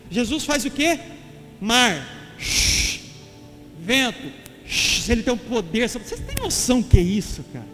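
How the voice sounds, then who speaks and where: Brazilian male pastor, high-pitched, passionate and emphatic, casual with the congregation, in a reverberant church hall. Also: darkish tone. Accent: Brazilian Portuguese. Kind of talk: sermon.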